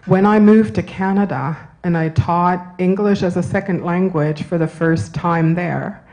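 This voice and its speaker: In a university auditorium, a woman who grew up in Germany and Italy lectures and takes questions, her speech discursive and self-correcting, often checking in with "right?". Her voice is fairly low, steady, and darkish at a measured pace, and the audio is poor.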